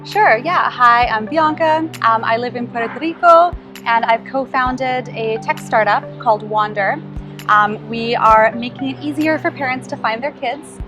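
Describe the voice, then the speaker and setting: A woman's voice: fairly high pitch, measured pace, music in the background. A woman startup co-founder answering interview questions in a friendly, earnest way, with frequent ums. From Philippines and Canada.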